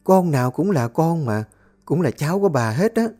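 A storyteller voicing a humble, calm older village midwife speaking softly and respectfully. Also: mid-range voice, normal speed, soft background music, pitched above the performer's own voice, close to an everyday voice. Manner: soft, respectful, subdued.

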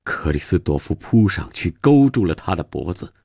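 A man reading a novel aloud as a radio storyteller, with calm, measured narration. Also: sits low, vocal fry, no echo, studio quality.

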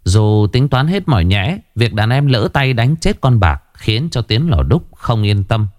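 A man narrating a crime story in an expressive storytelling manner. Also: medium pitch, a little slow, no room sound, clean studio sound. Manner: expressive, animated delivery.

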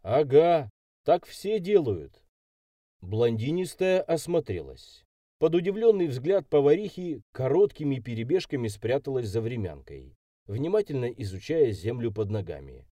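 Guy narrating an audiobook, dark mellow voice, bouncy intonation. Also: mid-range voice, big pitch swings, normal speed, no room sound, studio quality. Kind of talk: audiobook reading.

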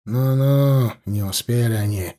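A man's voice: medium pitch, a little slow, mellow, natural voice. A man voicing a strict young male ensign who barks orders with scorn. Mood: scornful.

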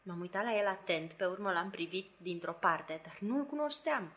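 A woman narrating a classic novel as an audiobook in a measured, even storytelling manner. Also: mid-range voice, lo-fi sound. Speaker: audiobook reader.

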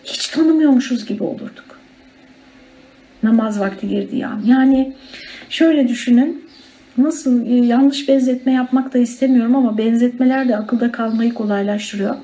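A woman's voice: fairly high pitch, steady tone, moderate pace, mellow, poor audio. A woman teaching a religious study circle in a conversational way, often turning to her listeners as friends. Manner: conversational, addresses listeners as friends, many fillers.

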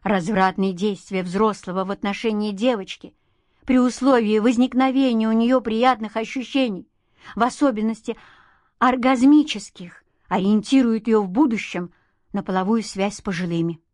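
A woman reading a novel as an audiobook narrator, steady and expressive, recorded on a close studio mic. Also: medium pitch, moderate pace, dry recording.

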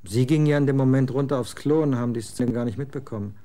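With a medium-pitched, lightly acted delivery, a man portrays a scornful young man of twenty in a German radio play. The character, a moody rocker son in his 20s, talks in blunt slang and flares up easily.

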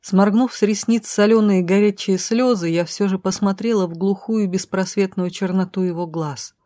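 A woman narrating a first-person audiobook with an expressive, dramatic reading. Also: medium pitch, moderate pace, dry recording, studio quality.

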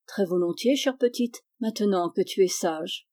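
A woman reading a calm, firm storybook mother. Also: mid-range voice, moderate pace, natural voice. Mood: tender. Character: firm but loving mother Léontine.

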